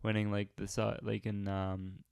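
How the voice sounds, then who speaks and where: A man's voice: lowish voice, flat delivery, moderate pace, vocal fry, darkish tone, smooth, no echo, studio quality. A man in his twenties co-hosting a podcast, chatting casually and rambling with lots of "like.". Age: 20s. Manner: rambling, heavy use of "like". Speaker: podcast co-host. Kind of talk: casual chat. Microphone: camera and mic, filmed podcast.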